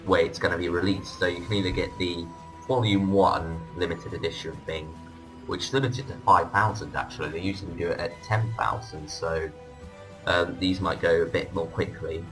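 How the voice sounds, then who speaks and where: A podcast host leads a casual fan discussion about audio drama releases, his phrasing hesitant and full of hedges. His voice is low and a bit bright.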